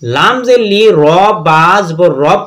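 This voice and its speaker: A man's voice: a little high, very animated, a bit bright. A man with a Bangladeshi Bengali accent teaching Quran reading, spelling words out letter by letter and chanting the verses. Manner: slow letter-by-letter drilling with sung recitation.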